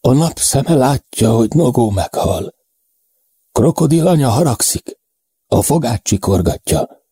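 A man voicing a proud, feverish, dying caveman warrior in a halting manner. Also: medium pitch, lively intonation, warm tone, husky, no echo, clean studio sound, voice pushed up. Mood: feverish, fearful.

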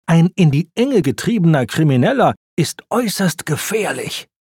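A man voicing a polished, cautious male spy car in a storybook, speaking in a measured, formal way. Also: a little high, big pitch swings, darkish tone, husky, dry recording, studio quality, voice pushed up, heavily acted. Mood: earnest. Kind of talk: storybook reading.

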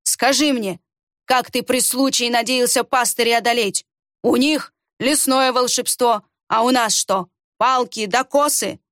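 Stern old elder for an audiobook, read by a woman: slow, weighty, authoritative. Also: a little high, a bit bright, dry recording, clean studio sound.

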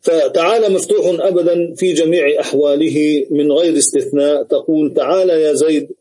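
A man giving a grammar lesson over an online video call, speaking deliberately and repeating each example several times. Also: fairly high pitch, fairly even intonation, warm tone, slightly rough, rough recording. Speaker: grammar teacher.

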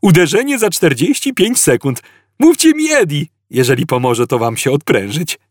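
A man's voice: a little high, very animated, normal speed, dry recording, studio quality, pitched above the performer's own voice. A man voicing a cheerful, overfriendly male ship computer in an audiobook, with a chirpy, giggly manner.

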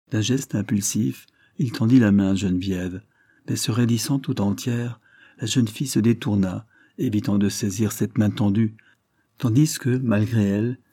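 A man narrating a literary novel in a measured, steady reading. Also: lowish voice, dry recording, studio quality. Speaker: audiobook narrator.

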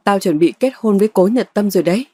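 A woman's voice: mid-range voice, quick pace, mellow, breathy edge, dry recording, close to an everyday voice. A woman voicing an arrogant, spoiled young woman who sneers and taunts. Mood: sneering.

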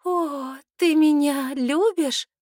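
A woman voicing a tipsy, excitable young female elf lady who talks in a giddy, childlike way. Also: sits high, measured pace, no room sound, studio quality, voice pushed up. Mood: gushing.

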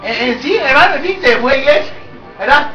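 Pastor, high bright voice, preaching lively and loud at times, echoey church from far off. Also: male voice, quick pace, music in the background. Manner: lively preaching, jokes with congregation, rises to shouts. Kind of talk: sermon.

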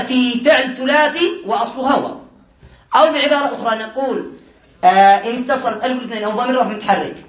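A man's voice: very high-pitched, a bit bright. A man teaching a classroom lesson, explaining step by step, quizzing his students and often chuckling as he goes. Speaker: teacher of Arabic morphology. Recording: echoey room.

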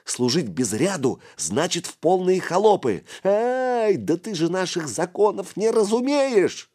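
A man voicing a small, excitable young man who shouts in a shrill voice. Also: fairly quick, breathy edge. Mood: excited, shrill.

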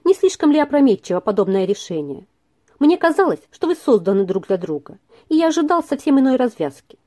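Woman reader doing a kindly vicar, calm, mellow, lively, audiobook. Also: high-pitched, fairly quick, pitched above the performer's own voice.

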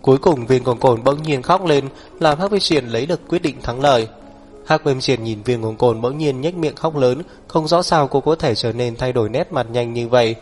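A man narrating an audiobook in a steady, even reading style. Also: mid-range voice, moderate pace, breathy edge, soft background music.

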